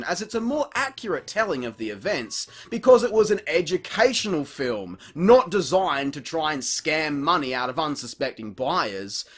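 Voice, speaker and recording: This is a male video reviewer and host performing scripted comedic commentary in a sarcastic, exasperated, sweary style. His voice is high-pitched with a fairly bright tone, and background music runs under it.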